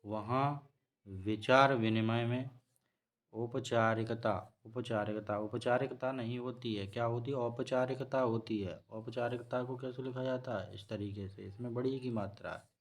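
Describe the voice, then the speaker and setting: A man teaching a spelling lesson for exam preparation, repeating each word slowly and correcting himself as he goes. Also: medium pitch, fairly even intonation. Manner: slow, repetitive explaining, self-correcting. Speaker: Hindi teacher.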